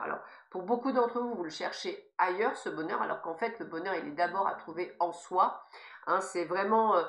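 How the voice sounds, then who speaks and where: A woman with a lisp on her s sounds gives informal spiritual guidance, speaking emphatically and encouragingly straight to her listeners. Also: medium pitch. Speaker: spiritual guide giving guidance messages. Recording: echoey, reverberant room sound.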